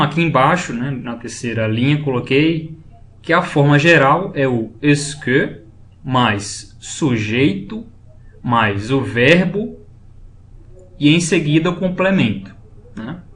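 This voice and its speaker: A man explaining French grammar in a slow, patient lesson, saying each example phrase twice. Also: mid-range voice, fairly bright tone. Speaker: French teacher. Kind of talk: screen-based language lesson.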